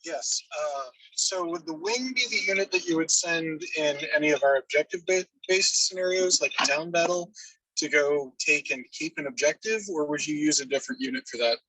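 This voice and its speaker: A man's voice: a little high, moderate pace, sharp tone, slightly rough, no echo. A man asking a hesitant question on a call, heard through a distant mic.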